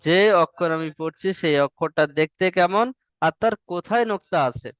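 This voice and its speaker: Smooth-voiced man teaching letters. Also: high voice, brisk, a bit bright, dry recording. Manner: patient, repeats and drills letters, stretches sounds long. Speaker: Quran reading teacher. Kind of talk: online class lesson.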